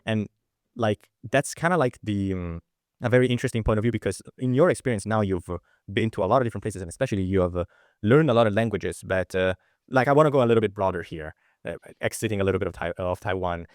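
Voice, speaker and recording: A man's voice: on the low side, fast talker, no echo, clean studio sound. A man hosting an interview with chatty, loose phrasing and many fillers. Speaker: interview host. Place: Berlin.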